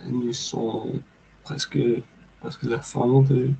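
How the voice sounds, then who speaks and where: A man hosting a podcast conversation, asking questions in halting, hesitant French full of pauses and slips. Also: mid-range voice, little pitch movement, gravelly, mellow, a little hiss or hum, poor audio.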